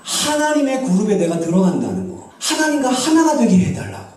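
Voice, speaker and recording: A male pastor preaching a sermon, switching between hushed asides and loud exclamations. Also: extremely high pitch, wildly swooping pitch, fairly quick. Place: church sanctuary. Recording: echoey church hall from a distant mic.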